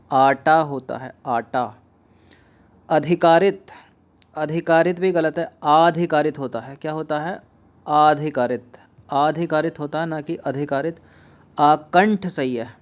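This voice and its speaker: Slow, repetitive male Hindi spelling teacher. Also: fairly high pitch. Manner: slow, repeats each word several times while explaining. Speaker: exam-prep teacher. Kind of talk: spoken Hindi spelling lesson.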